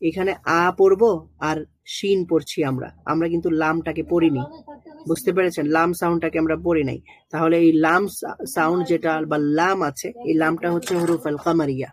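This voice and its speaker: A teacher gives an online lesson. The teacher talks patiently, hesitates often and slowly sounds out letters and syllables one by one. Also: mid-range voice, steady tone. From Bangladesh. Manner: hesitant with frequent drawn-out fillers. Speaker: Quran recitation teacher.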